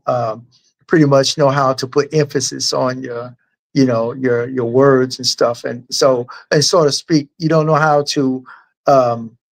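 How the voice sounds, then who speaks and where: A man, a guest author, answering interview questions in a rambling, halting and earnest way. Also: mid-range voice.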